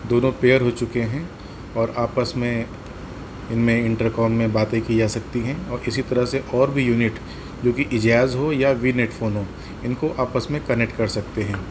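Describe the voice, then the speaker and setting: In a medium-pitched voice, an Indian man hosts a hands-on motorcycle gear tutorial, demonstrating the product step by step and going back over the key points. Clear ambient noise runs steadily behind his speech.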